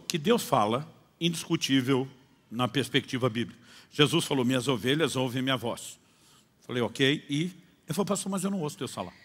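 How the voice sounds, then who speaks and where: Preacher in a reverberant hall. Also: male voice, mid-range voice. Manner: storytelling preacher acting out dialogues, swinging from hushed to loud. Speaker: pastor. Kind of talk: sermon. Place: church conference hall.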